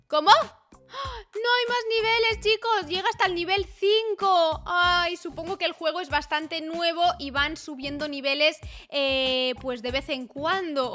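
Young gamer girl, high bright voice, yelps and gasps at the game. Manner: excitable, exclaims and reacts loudly to the game. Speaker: gaming YouTuber. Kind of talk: lively gameplay commentary.

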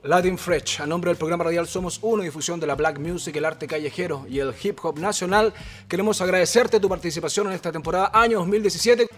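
A man's voice: sits high, quick pace. A Chilean man hosting a radio show, reading formal announcements. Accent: Chilean Spanish. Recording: hip hop music under the voice.

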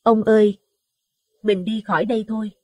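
Man putting on a shrill terrified village wife. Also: flat delivery, normal speed, a little mellow, lightly acted. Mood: frightened. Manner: panicked, shrill pleading and chanting.

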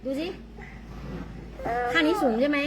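A woman's voice: a little slow, heavy background noise. An older woman, a grandmother chatting playfully and coaxing her grandchild while cutting her hair, filmed at home. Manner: coaxing, playful, often laughing. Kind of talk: casual vlog chatter.

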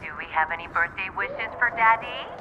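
A woman's voice: mid-range voice, drawn-out words, music in the background. A woman playing an affectionate mother leaving a family voicemail in a video game. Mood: tender, encouraging. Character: affectionate young mother with her children. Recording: muffled, noisy answering machine tape.

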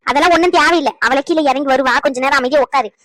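A woman's voice: sits high, no echo, poor audio. A woman voicing a stern grandmother and mother-in-law who grumbles and scolds in a cartoon. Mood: grumbling. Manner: sharp, grumbling, rapid scolding. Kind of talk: cartoon voice acting.

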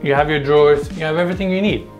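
Speaking very fast in a slightly high voice, this thirtysomething man hosts a relaxed tour of a large house basement. Soft music runs behind him, and he chats enthusiastically straight to viewers on an indoor lapel mic.

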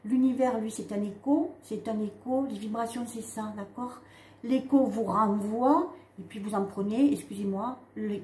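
A woman giving a casual spiritual card reading, talking straight to her viewers in a halting way with frequent "hein" and "d'accord" tags. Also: a little high, a little mellow. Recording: echoey room with faint ambient noise.

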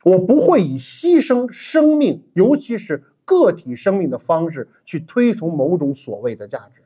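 Animated husky-voiced male history lecturer. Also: high voice, moderate pace. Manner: animated, emphatic, with frequent 'ah' fillers and restarts. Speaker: history teacher. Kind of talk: classroom-style history lecture.

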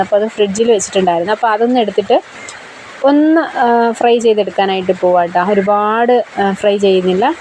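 A young woman telling about her day at home in a cooking vlog. She chats in a homely way, and her voice is hoarse from a blocked throat. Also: mid-range voice, darkish tone, a little hiss or hum, low-quality recording. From Kerala, India. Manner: chatty, homely storytelling with frequent tag questions. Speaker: cooking vlogger. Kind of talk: casual vlog voice-over. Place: home kitchen. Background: rain.

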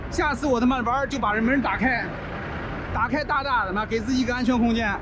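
A man's voice: very high voice, fast, background noise. A middle-aged man from China, a trucker vlogger, bluntly explaining a truck repair step by step and swearing freely, filmed on a body-worn camera in an outdoor truck yard. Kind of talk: casual how-to commentary while repairing. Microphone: body-worn action camera.

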